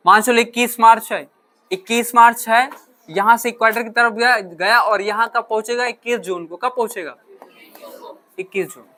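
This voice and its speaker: A man's voice: extremely high pitch, a bit bright. A male teacher lecturing a classroom, asking questions, answering them himself, mixing in English terms and often checking whether the students understand. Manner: mixes English terms into his talk.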